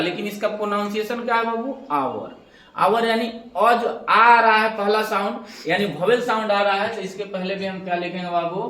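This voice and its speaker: A man with a high, somewhat bright voice gives a step-by-step English grammar lesson in class. He asks questions, answers them himself, and calls his students "babu," while the recording sounds distant and echoey.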